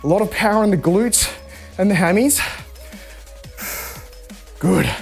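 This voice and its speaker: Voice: medium pitch, lively intonation, unhurried, creaky, soft background music. An instructor coaching a live home workout, chatty and encouraging while demonstrating the moves. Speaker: fitness instructor.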